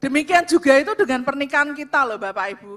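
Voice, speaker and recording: A woman speaking to a church congregation about marriage, loud and emphatic, often turning to address the audience. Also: high voice, animated, fast talker. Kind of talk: sermon-style talk to a congregation.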